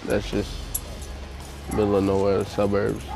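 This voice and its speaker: A man's voice: on the low side, completely flat delivery, normal speed, gravelly. A young man from Long Island talking casually about his past as a rapper, in loose, slangy speech. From Long Island, USA. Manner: laid-back, loose slangy speech with many fillers. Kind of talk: casual interview talk. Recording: music bed behind the voice.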